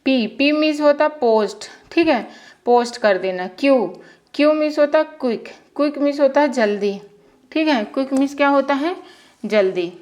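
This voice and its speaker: A woman's voice: sits high, moderate pace, a little mellow. A woman from India teaching an English lesson in a casual spoken style. She repeats each word twice and keeps checking in with her listeners. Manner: repetitive, explains each word twice, checks in with "theek hai".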